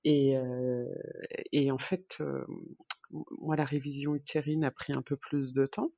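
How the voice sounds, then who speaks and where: Podcast guest, woman from France, animated storyteller who acts out dialogue; dry, lo-fi sound. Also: a bass voice, unhurried, vocal fry, dry recording. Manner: lively anecdote-telling, acts out quoted dialogue, laughs often. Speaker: podcast guest, expat mother. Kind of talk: casual storytelling interview. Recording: dull lo-fi recording.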